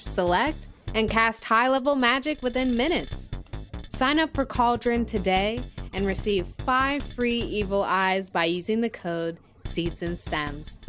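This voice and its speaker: In an audio drama, a woman with a natural, medium-pitched voice plays an earnest music documentary podcast host. Her scripted narration is measured and dramatic, with a promotional feel.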